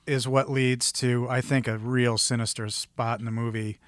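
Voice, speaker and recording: A man co-hosting a podcast, recapping a film in a measured way and dropping dry, wry remarks. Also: mid-range voice, level tone, a bit bright, no room sound. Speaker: podcast co-host. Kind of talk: casual film discussion.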